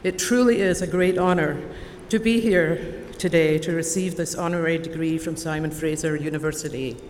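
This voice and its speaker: Standing at a podium in a large convocation hall, an honorary degree recipient from Scotland, a woman in her sixties with an Edinburgh accent, gives a formal ceremonial speech. She speaks in a low voice, deliberately and with warm earnestness. Long hall reverb and faint noise are audible.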